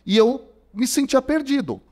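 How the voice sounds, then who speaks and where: A very high-pitched voice at normal speed belongs to a Brazilian man in his forties, a theology professor speaking as a podcast guest with a Brazilian Portuguese accent. Animated and casual, he tells his story with frequent fillers like "cara." The conversational interview is recorded in a podcast studio using a studio microphone.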